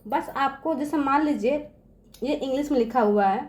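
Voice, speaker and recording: A woman's voice: high voice, a little mellow. A woman teaching children spelling, patiently repeating each step and checking in after nearly every line. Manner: repeats "theek hai" constantly, patient and drawn-out; addresses viewers as children.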